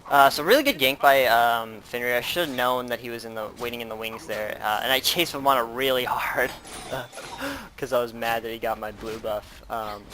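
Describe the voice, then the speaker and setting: A man's voice: mid-range voice, a bit bright. A man giving casual, rambling commentary over his own gameplay, with many fillers.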